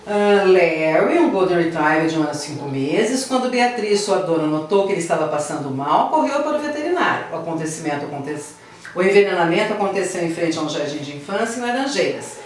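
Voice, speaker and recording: A woman's voice: lowish voice, lively intonation, fairly quick, far from the mic, slight background noise. Patient woman teacher in echoey room. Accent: Brazilian Portuguese. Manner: patient, explaining step by step with frequent checks. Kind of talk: online grammar lesson.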